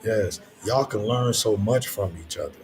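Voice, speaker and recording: An older man hosting a casual late-night monologue in a reflective, halting way, repeating phrases for emphasis. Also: fairly low pitch, darkish tone, slight background noise. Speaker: host of a late night talk stream.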